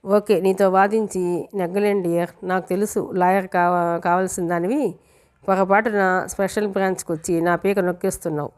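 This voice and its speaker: A woman's voice: lowish voice, fairly even intonation, moderate pace, a little mellow, clean tone, natural voice. A woman narrator voicing a young male special branch officer who teases his partner in playful banter.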